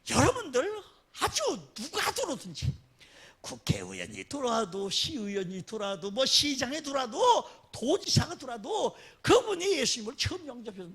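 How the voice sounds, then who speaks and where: A man preaching a sermon as a guest pastor, animated and often laughing as he tells stories. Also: breathy edge. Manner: animated, laughing, dramatic swings in pitch.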